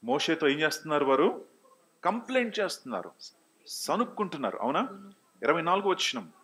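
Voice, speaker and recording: A man preaching a sermon, often asking the congregation questions and mixing in English phrases. He swings from loud, high exclamations to low, quiet asides. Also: very animated, a little fast. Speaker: pastor.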